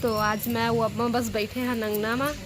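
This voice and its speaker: A woman's voice: a little high, level tone, moderate pace, noisy background. A woman with a Chhattisgarhi accent chats casually to her viewers as a home vlogger. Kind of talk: casual vlog chat. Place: at home in the evening.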